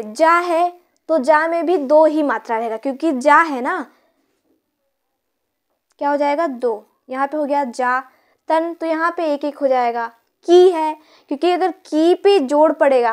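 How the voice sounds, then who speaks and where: A woman teacher explaining a grammar lesson, counting syllables aloud and asking her pupils questions. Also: high voice.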